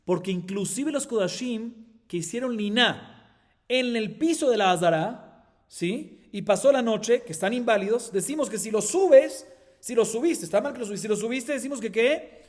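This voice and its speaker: A man from Colombia teaching a Talmud lesson as a rabbi, with animated rising emphasis and frequent rhetorical questions to his listeners. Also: very high voice. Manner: reads Aramaic text in quick chant.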